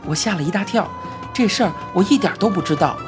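A woman reading a children's story in the first person with a Beijing accent, lively and humorous. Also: on the low side, fast talker. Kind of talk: storybook narration. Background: faint music.

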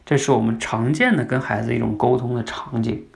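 A man with a gravelly, creaky voice hosts a podcast that teaches communication. He explains things conversationally and keeps asking his listeners questions, at a medium pitch. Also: brisk.

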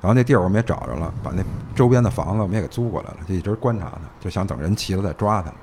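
Speaking very fast in a low, darkish voice with lively intonation, a man with a Beijing accent shares anecdotes from his police cases. He repeats phrases and throws in rhetorical questions, with slight background noise behind him.

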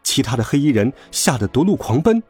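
Male storybook narrator, husky, highly animated delivery. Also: a little fast, faint music behind. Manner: lively, expressive reading.

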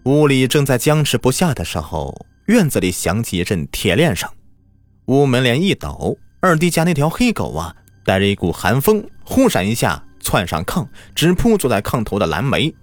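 A man telling a spoken folk tale, narrating in an expressive, dramatic way. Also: medium pitch, moderate pace, no echo, faint music behind. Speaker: storyteller.

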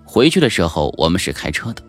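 A man narrating a novel in a colloquial, lively storytelling manner. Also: deep voice, fast, husky, faint music behind. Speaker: audiobook narrator.

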